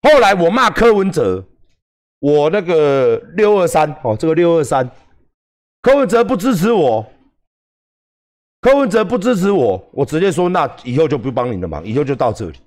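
A man's voice: fairly high pitch, big pitch swings, normal speed. Profane, combative Taiwanese man ranting. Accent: Taiwanese Mandarin. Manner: combative, profane, shouting at critics. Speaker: livestream host. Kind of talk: heated livestream rant.

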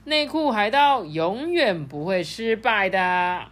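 A woman voicing a boisterous male pirate captain in a storybook reading, with loud, drawn-out shouts. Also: medium pitch, expressive. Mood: rousing.

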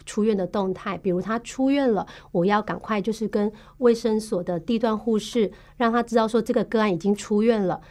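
A woman with a Taiwanese Mandarin accent speaks in a patient, explanatory way, stopping often on small fillers as she lays out medical procedures. Her voice sits at an ordinary middle pitch for a woman. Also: darkish tone. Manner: patient, explanatory, measured with frequent filler pauses. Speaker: tuberculosis case manager. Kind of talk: podcast interview.

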